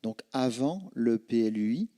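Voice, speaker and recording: A man's voice: medium pitch, expressive, a little slow, mellow. A man moderating a public meeting, polite and formal as he answers questions and hands over the floor.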